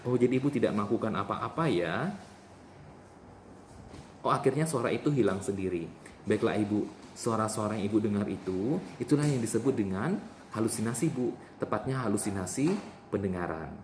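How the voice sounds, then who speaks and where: A man's voice: fairly low pitch, animated, brisk, long pauses, darkish tone. A man playing a nurse in a role-play demonstration, patiently repeating the patient's answers back to her. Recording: echoey room with faint noise.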